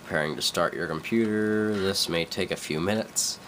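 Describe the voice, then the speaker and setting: Working from a dim room at his computer, a young man with a stuffy cold makes a casual screen-recorded tutorial, speaking at normal speed in a low, fairly bright voice. Slight background noise is present, and his talk rambles with self-corrections and frequent fillers.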